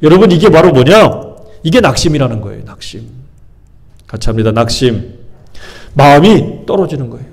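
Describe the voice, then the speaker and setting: A man's voice: medium pitch, animated, moderate pace, vocal fry, long pauses. A male pastor preaching a sermon, posing questions to his congregation and answering them himself. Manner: acts out people's inner thoughts in shifting voices.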